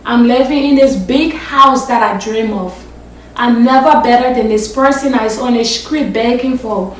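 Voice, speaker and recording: A woman vlogger from Africa talks in a high voice, slowly and with passion, pressing hard on her points. She is recorded off the mic in a very echoey room with a faint hum behind her. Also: recorded from a distance. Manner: passionate, emphatic and direct, swearing at times. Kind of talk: emotional story time vlog. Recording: roomy echo, voice off the mic.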